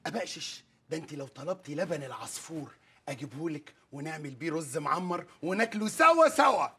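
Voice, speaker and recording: A man's voice: on the high side, very animated, fast talker, sharp tone, slight background noise, heavily acted. An actor playing a pushy, flirtatious male neighbor with an Egyptian accent, teasing in folksy street talk in a TV comedy. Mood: cheeky. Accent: Egyptian Arabic. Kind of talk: TV comedy series acting.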